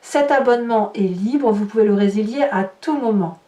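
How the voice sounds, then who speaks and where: A woman's voice: mid-range voice, normal speed, mellow. A woman giving a chatty, reassuring tarot reading, often restarting her phrases. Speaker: tarot reader. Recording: echoey room, voice from a distance.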